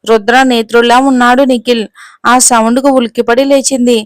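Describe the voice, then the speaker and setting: Female storyteller, steady scripted read, fairly high, very even, dry close mic. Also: brisk, no echo. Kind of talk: scripted narration.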